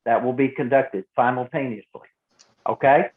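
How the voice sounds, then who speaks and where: A male emergency radio volunteer trainer gives an instructional talk to a group during a live training session in an indoor room. Medium-pitched, he speaks emphatically and deliberately, repeating points for stress. The recording has a roomy echo and a narrow, phone-like band.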